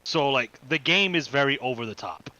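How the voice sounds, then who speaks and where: Speaking at normal speed with a medium pitch, this man sounds expressive and sharp on a rough recording. As a podcast co-host, he chats casually, explaining things and commenting on movies.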